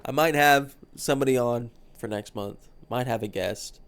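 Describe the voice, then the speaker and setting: A man with a stuffy nose hosts a podcast alone, drifting from thought to thought in loose, casual talk. He swears freely and keeps an easygoing tone, his voice sitting at an ordinary pitch for a man. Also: moderate pace, a bit bright. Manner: rambling, profane, laid-back. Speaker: podcast host. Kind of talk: solo casual chat.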